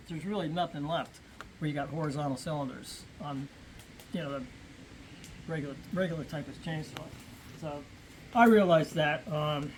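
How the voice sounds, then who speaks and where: A man speaks in a thin, reedy, somewhat squeaky voice that sits a bit high. He explains things off the cuff like a hobbyist, rambling and pausing as he thinks aloud. There is noticeable noise in the recording. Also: poor audio. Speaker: vintage chainsaw hobbyist explaining features. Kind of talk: casual, unscripted explaining and chat.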